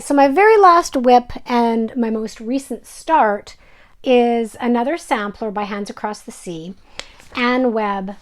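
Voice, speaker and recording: A woman casually chatting through her cross-stitch projects at home, self-deprecating and full of fillers, sometimes dropping to a soft whisper. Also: fairly high pitch. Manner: drops to soft whispers over her silks. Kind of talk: casual show-and-tell vlog.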